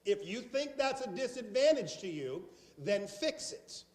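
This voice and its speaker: Brief: emphatic man with a South Carolina accent, high voice, live seminar, echoey hall. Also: big pitch swings, measured pace. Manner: emphatic, blunt, banters with the audience. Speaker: sales trainer. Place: large meeting hall before a live audience.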